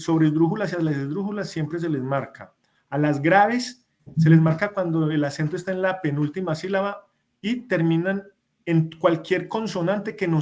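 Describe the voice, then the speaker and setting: Man explaining spelling rules, slightly high. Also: a little mellow, dull audio. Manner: explanatory, repeats points with examples. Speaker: instructor. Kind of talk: online class lecture.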